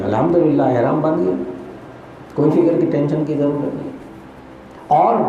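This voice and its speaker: A man's voice: medium pitch, mellow, slight background noise. A middle-aged man gives a reassuring, instructive pilgrimage training lecture to a group in a large hall. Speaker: religious instructor. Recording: very echoey hall, dull lo-fi sound.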